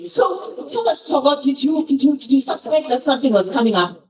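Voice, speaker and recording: A woman's voice: high voice, expressive, a little fast, a little mellow. Teasing woman emcee, far from the mic. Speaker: master of ceremonies. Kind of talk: emceeing a surprise birthday party.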